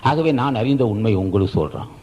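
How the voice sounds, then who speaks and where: A man delivers an emphatic spiritual sermon, hammering home repeated phrases and posing rhetorical questions. His voice is dark and husky, and the old tape recording sounds dull and muffled. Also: lowish voice, very animated, quick pace. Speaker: spiritual teacher.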